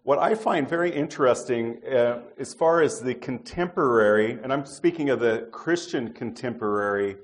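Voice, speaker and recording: A middle-aged man delivers a sermon in an unhurried, conversational way. His voice sits at an ordinary male pitch. He often pauses on "uh" and restarts his sentences. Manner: unhurried, conversational preaching with frequent fillers and restarts. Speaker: preacher.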